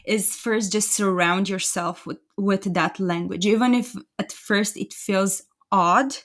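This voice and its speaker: A woman's voice: mid-range voice, steady tone, slow pace. A woman from Romania with a Romanian accent, a native Romanian speaker, talking as a guest on a podcast in a thoughtful, self-deprecating way and chuckling as she goes. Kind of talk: casual conversational interview.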